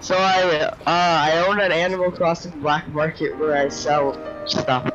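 A young man with a fairly high voice talks excitably in a casual podcast among friends. His microphone is peaking, so every word comes through clipped and fuzzy with distortion. Loud music plays behind him. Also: a little slow, highs cut off. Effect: clipping, distorted peaking mic audio. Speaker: podcast co-host.

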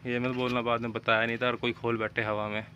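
Mechanic guy walking thru a hydraulic fix, flat even voice, bright tone, faint machine hum behind. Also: mid-range voice, quick pace, dull audio. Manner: explains step by step, calls out short commands to a helper. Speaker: excavator mechanic. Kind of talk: hands-on repair demonstration. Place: outdoors at a worksite beside an excavator.

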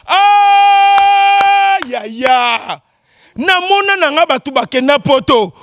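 A man hosting a show with animated commentary, teasing people, breaking into exclamations and laughs. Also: very high voice, unhurried, dry recording. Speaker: show host.

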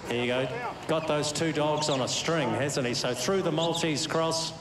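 A man's voice: a little high, moderate pace, crowd noise. A man with a New Zealand accent giving enthusiastic, exclamatory live commentary at an outdoor sports event. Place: outdoor arena in a city square. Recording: echoey outdoor public address, noisy, barking dogs.

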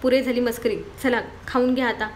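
Woman reading a warm-hearted mother, mildly scolding, storybook tone. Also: on the high side, flat delivery, a little fast, a little hiss or hum, close to an everyday voice. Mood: homely. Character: kindly middle-aged mother, gently scolding.

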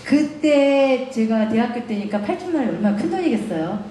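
Animated laughing woman lecturer. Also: on the high side, fairly quick, a little hiss or hum. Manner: animated storytelling, laughing often. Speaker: guest lecturer. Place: lecture hall. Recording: echoey lecture room.

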